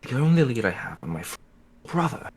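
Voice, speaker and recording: A man playing a weary, betrayed adventurer in tabletop role-play, speaking in a halting, wry way. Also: mid-range voice, very animated, vocal fry, darkish tone, a little hiss or hum. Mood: weary, dismayed.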